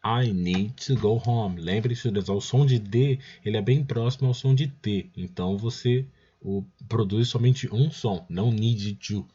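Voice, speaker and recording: Male English teacher, Brazilian accent, low husky voice, patient repeat-after-me drilling. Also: measured pace, dark tone, dull audio. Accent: Brazilian Portuguese. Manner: drills phrases by repeating them, often addresses "students". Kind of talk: recorded language lesson.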